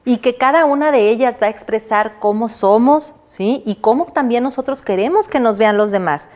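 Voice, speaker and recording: A middle-aged woman, a university lecturer giving a recorded online lesson. She asks her listeners questions, answers them herself, and keeps checking in with a quick "right?". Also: fairly high pitch, darkish tone.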